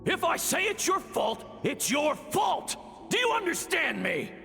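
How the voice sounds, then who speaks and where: An actor playing a harsh, bullying father in a video game, berating and gravelly, in long reverb. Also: very high-pitched, very animated, a little slow, faint music behind, heavily acted. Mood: furious. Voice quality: gravelly, forceful. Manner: berating, scolding.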